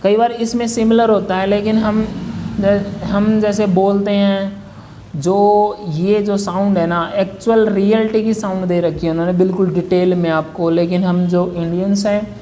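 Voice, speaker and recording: A man's voice: high-pitched, a little mellow, a little hiss or hum. A man teaching a shorthand lesson, patiently walking through examples step by step and repeating himself. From India. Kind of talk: classroom lesson.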